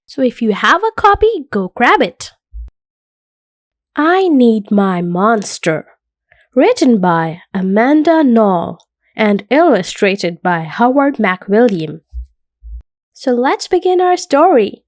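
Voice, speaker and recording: A woman hosts a children's story time with a bright, sing-song delivery. Her pitch is fairly high and very animated, and she speaks unhurriedly. The sound is close and dry. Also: slow, no echo. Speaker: host.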